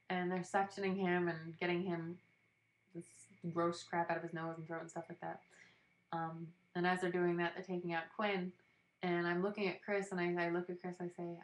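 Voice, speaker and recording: Chatty young woman in an echoey room. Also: on the low side. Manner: candid, chatty, many ums and laughs. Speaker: vlogger telling her birth story. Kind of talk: casual personal storytelling.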